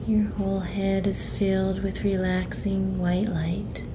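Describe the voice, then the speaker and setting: A woman guiding a relaxation meditation in a soft, breathy, soothing near-whisper, with long pauses between phrases. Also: medium pitch, flat delivery. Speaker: guided meditation guide. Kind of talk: guided relaxation meditation narration. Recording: clearly noisy, ambient sound behind.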